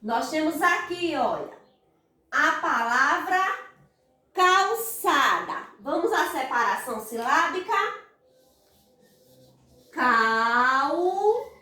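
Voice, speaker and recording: Speaking with a Brazilian Portuguese accent, a woman who teaches primary school leads a children's grammar lesson in a high voice at an unhurried pace, with big pitch swings and a pushed, bright quality. Her stressed syllables stretch into sing-song calls, and she is distant from the microphone in a strongly echoing room.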